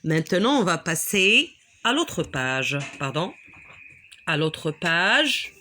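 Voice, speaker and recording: A woman's voice: fairly low pitch, very animated, bright, forceful tone, a little hiss or hum. Patient Moroccan woman teaching reading. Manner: slow, drawn-out syllable drills, patient and encouraging. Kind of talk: reading lesson, code-switching.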